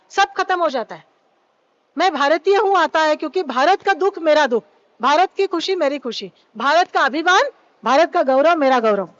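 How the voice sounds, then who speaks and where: At a yoga event, a woman gives a spiritual talk into a live-event microphone, frequently asking her listeners questions and mixing in English phrases. Her voice is extremely high-pitched and a bit bright, and the sound is lo-fi.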